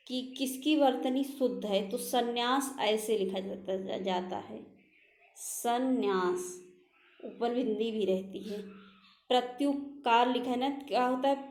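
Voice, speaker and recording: A woman with a fairly high voice teaches a Hindi spelling lesson for exam preparation. She walks through each answer, says the correct word again and asks the class what the right form is. The sound carries around an echoey room. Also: darkish tone. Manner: explains each answer, repeating words and quizzing with rhetorical questions.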